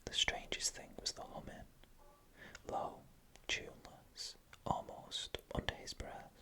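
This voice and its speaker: Someone whispering creepy bedtime stories asmr style, all breath no voice, kinda crisp and bright. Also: takes it slowly. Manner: hushed, unvoiced whispering throughout. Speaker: storyteller.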